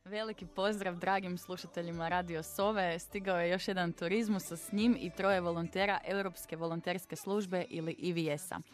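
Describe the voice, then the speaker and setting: A woman's voice: on the low side, steady tone, brisk, hardly any pauses, soft background music. A woman hosting a radio interview, reading an introduction and then asking her guests short, simple questions. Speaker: radio host.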